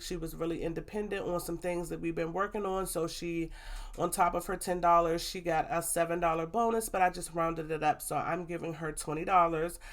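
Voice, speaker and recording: A woman, congested, chatting casually to viewers as she walks through her budget. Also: lowish voice. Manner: chatty, addresses viewers as y'all and baby. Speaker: budgeting vlogger.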